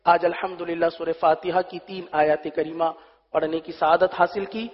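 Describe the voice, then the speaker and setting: Male Quran reading teacher, high voice, patient drilling and chanted verses; dull recording with long reverb. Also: level tone. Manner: drills letters slowly, chants verses, then explains quickly. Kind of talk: Quran recitation lesson.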